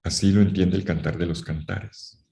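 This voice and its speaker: A man with a low, mellow voice lectures on the Bible to a class, repeating his key phrases for emphasis. He turns to the students often and warns them directly. The recording sounds roomy and echoey. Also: fairly even intonation, moderate pace, creaky.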